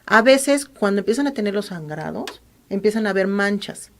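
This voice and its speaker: A woman doctor with a Mexican accent, calmly explaining practical medical advice as an interview guest. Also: mid-range voice, moderate pace, a little hiss or hum. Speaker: ophthalmologist guest.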